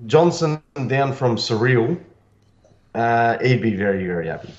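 A man's voice: mid-range voice, lively intonation, measured pace, roomy sound. An Australian man co-hosting a podcast with crude, teasing, boastful banter and a lot of swearing. His voice sounds muffled and hollow, as if he's talking through a cone. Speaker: podcast co-host.

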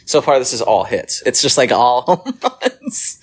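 Joking young man with lively pitch. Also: measured pace, slightly rough. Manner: loose, joking, swears freely, laughs often. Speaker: podcast co-host. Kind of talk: casual chat.

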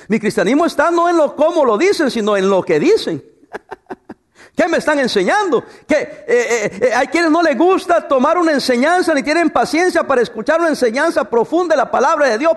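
Male pastor, sermon. High voice with lively swings, rhetorical questions and humorous asides. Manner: preaching with laughs and rhetorical questions; tells humorous stories about his wife.

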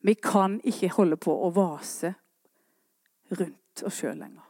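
A woman preaching a sermon, swinging between quiet earnest talk and impassioned rising calls. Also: on the low side, no room sound, clean studio sound.

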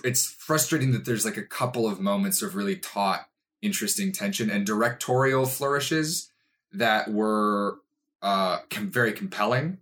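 Man, podcast co-host, lowish voice, hesitant, rambling film criticism. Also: moderate pace, a bit bright. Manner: rambling, hesitant, full of restarts. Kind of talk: casual film review chat.

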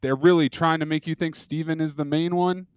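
Smooth-voiced man with dry close sound. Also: a little high, steady tone, a little fast, no echo. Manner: questioning, laid-back, mild swearing. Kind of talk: casual TV discussion.

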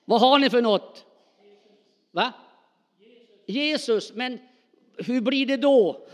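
Spontaneous high-voiced preacher man. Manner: animated, spontaneous, calls out to the congregation. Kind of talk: sermon. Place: church hall. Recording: long hall reverb.

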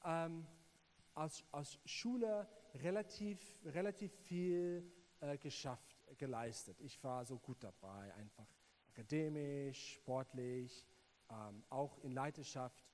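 With a South African English accent, this man, a native speaker from South Africa, preaches in an earnest, faltering manner, often repeating himself as he talks directly to the listener. The voice sits in the mid range with a darkish tone, over slight background noise.

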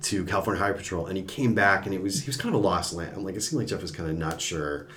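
A man's voice: low-pitched, fast, a little hiss or hum. A man, a podcast guest, telling a story in casual talk and acting out the people he quotes. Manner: animated, acts out quoted voices. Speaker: podcast guest, former TV executive.

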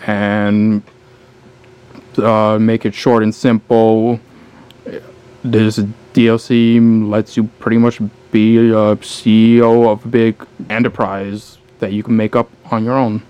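A man co-hosting a casual gaming podcast, talking in a low-key, dry and sarcastic way. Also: flat delivery, takes it slowly, warm tone, clean tone, muffled recording. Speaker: podcast co-host.

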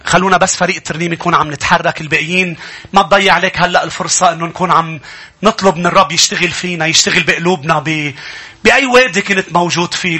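A middle-aged man with a Lebanese accent, preaching a sermon as pastor, his voice rising into shouted, drawn-out lines. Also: high-pitched, husky.

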